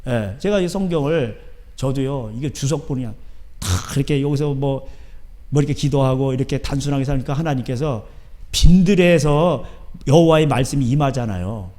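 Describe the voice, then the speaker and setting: A middle-aged male pastor preaching a sermon in a church, talking emphatically with constant rhetorical questions and sudden shouts. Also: normal speed. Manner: swings between loud shouting and low asides. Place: church sanctuary.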